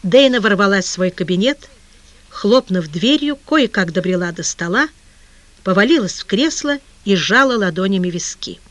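A narrator reading a novel aloud in a steady, even way. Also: mid-range voice, moderate pace, dry recording. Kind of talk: audiobook narration.

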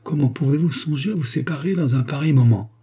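A man voicing a kindly old village priest who speaks softly and patiently, in a storybook reading. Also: quick pace, breathy edge. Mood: gentle. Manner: soft, low and quiet.

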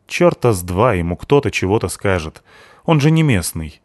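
A sullen, sharp-tongued seventeen-year-old girl from an audiobook, put on by a male reader. She speaks with weary sarcasm and bite. The voice stays low, recorded dry and close with no room echo. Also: big pitch swings, moderate pace. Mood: sardonic. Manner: bitter, sarcastic.

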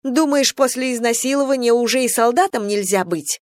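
A fierce young woman warrior, as an audiobook narrator puts her on, pitched high and pushing hard. She stays insistent and defiant. The reading is dry and close, with no room echo. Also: fairly quick, natural voice.

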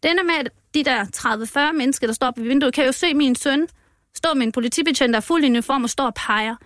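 A woman who is a mother, telling a personal account as a guest in an interview, halting and emotional with many restarts. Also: high voice, a bit bright, dry recording, studio quality. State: moved.

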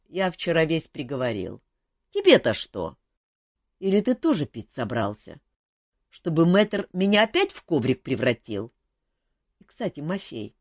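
A woman's voice: low voice, a little mellow, no room sound, pitched above the performer's own voice, exaggerated voice. A woman voicing a tired, joking male court jester who mocks himself and others in a dry room. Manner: wry, self-mocking banter.

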